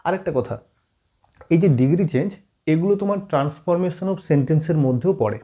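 A man teaching an English grammar lesson at a whiteboard, often checking in with his students and slowing down as he writes. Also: on the high side, lively intonation, highs cut off. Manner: frequent check-in questions to students; writes on board while explaining, slowing down.

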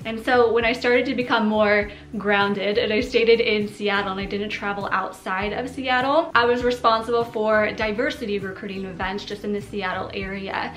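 A woman's voice: medium pitch, fairly even intonation, normal speed, few pauses, a bit bright, soft background music. Chatty woman in her thirties, roomy echo. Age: 30s. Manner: chatty, long-winded, upbeat. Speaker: YouTuber. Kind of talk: casual Q&A vlog. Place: living room by a window.

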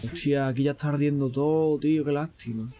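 A young man doing excitable, profane commentary on a video game he plays, breaking into sudden shouts. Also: fairly high pitch, brisk, over music. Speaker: let's play host. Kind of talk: gaming commentary.

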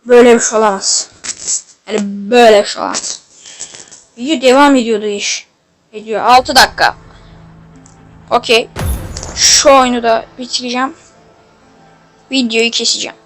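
A woman giving casual commentary while playing a mobile shooter game, excitable with loud outbursts and playful swearing, on a phone mic. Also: on the high side, normal speed, pauses often, soft background music.

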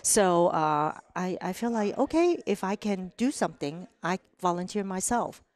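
Here a middle-aged Cantonese-speaking woman from Hong Kong, with a Hong Kong accent, swaps stories in a relaxed podcast interview over a headset mic. Her lowish voice moves at a moderate pace, animated and full of acted-out quotes and frequent "right?". The setting is a bright room with big windows.

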